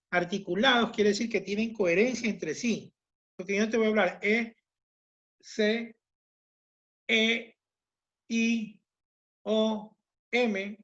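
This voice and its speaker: A man's voice: high voice, highs cut off. A man teaching a language class, explaining patiently and repeating his points with everyday examples. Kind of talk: online class lecture.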